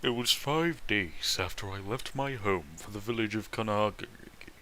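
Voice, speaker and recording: With a lowish voice, a moderate pace and a sharp tone, a man hosts a casual fan fiction read-aloud. He mocks the text with foul-mouthed disbelief, frequently interrupting himself to react.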